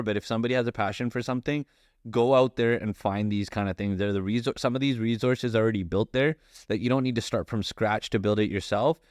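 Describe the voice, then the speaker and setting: A man's voice: on the low side, a little mellow, dry recording, clean studio sound. A man co-hosting a podcast in casual chat, rambling with lots of "like" fillers. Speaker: podcast co-host.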